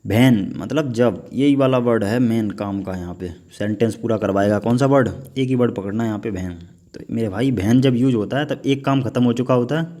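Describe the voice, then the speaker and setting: A man's voice: mid-range voice, darkish tone. A male coaching teacher going through an exam paper, asking the viewer questions over and over and calling them "my brother". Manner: mixes Hindi explanation with read-out English. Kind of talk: exam paper walkthrough lesson.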